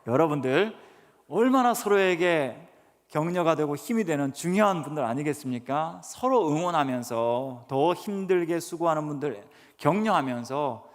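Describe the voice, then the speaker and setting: A guest professor delivers an earnest sermon lecture in a church sanctuary, often posing questions to the congregation. His voice is a little high, with lively intonation and a normal pace. The recording carries the reverberation of a church hall.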